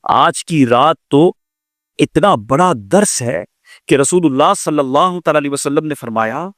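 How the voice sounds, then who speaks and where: A man's voice: a little high, lively intonation, moderate pace, a bit bright, dry recording, clean studio sound. An older man preaching a sermon with impassioned delivery, mixing English words into his talk.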